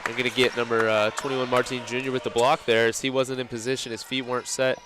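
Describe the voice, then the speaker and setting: A man's voice: mid-range voice, level tone, quick pace. A young man giving casual basketball color commentary, with chatty analysis full of filler words. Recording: noisy gym ambience. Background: gym crowd and bouncing basketballs.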